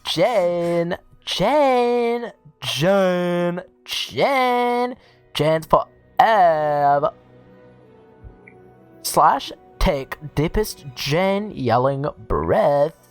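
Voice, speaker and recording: A man voicing a bubbly teenage girl in a Valley Girl voice, reading a webcomic aloud in character with sing-song, drawn-out calling. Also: high-pitched, animated, clean tone, faint music behind, exaggerated voice.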